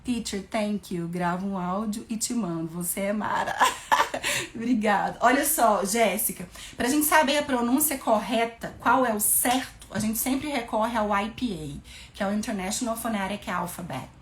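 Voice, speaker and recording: A woman English teacher in a casual lesson, spelling out words and slowing down for English examples. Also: mid-range voice, a little hiss or hum. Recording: echoey room.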